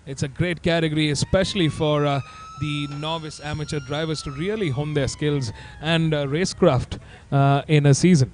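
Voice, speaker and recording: Indian male race commentator, slightly high voice. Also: steady tone, moderate pace, slight background noise. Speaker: motorsport commentator. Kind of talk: live race broadcast commentary.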